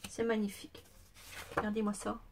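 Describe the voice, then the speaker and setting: A craft vlogger chats casually to the camera while unboxing gifts she received, gushing and exclaiming and sometimes dropping to a whisper because she is losing her voice. Her voice is mid-range and her delivery completely flat at a moderate pace. Noise can be heard in the background.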